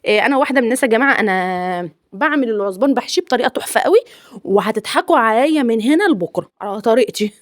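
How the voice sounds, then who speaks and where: Brief: young Egyptian woman, home vlogger, rapid chatty delivery, dry close mic. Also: fairly high pitch, animated, no echo. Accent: Egyptian Arabic. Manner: chatty and playful, laughs often. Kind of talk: chatty home vlog voice-over.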